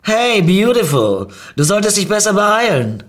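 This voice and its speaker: Woman playing a dark-voiced seductive stranger. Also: a bass voice, sing-song, normal speed. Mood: teasing.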